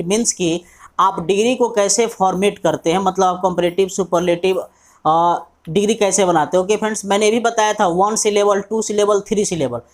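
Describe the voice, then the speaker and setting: A man with an Indian English accent, teaching an online English lesson in Hindi mixed with English. He spells words out letter by letter and repeats his questions to the class. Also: high voice.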